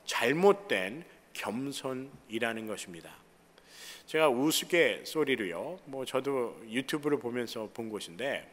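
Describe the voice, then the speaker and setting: A man preaches an earnest, explanatory sermon and poses rhetorical questions to his congregation. His voice sits at a middle pitch but swings widely as he makes his points. The sound carries a long reverb from the church sanctuary. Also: a bit bright. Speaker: pastor.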